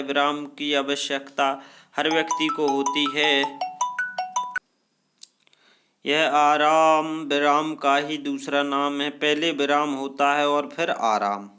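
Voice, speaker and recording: A man teaching a grammar lesson, reading from a text and explaining slowly, repeating phrases and checking that students follow. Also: a little high, pushed and bright.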